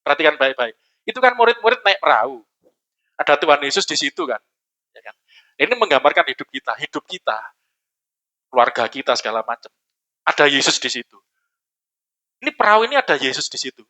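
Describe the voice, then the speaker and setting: A man preaching a lively, joking sermon in a church hall, often asking the congregation questions. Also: fairly high pitch, brisk, long pauses. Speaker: pastor.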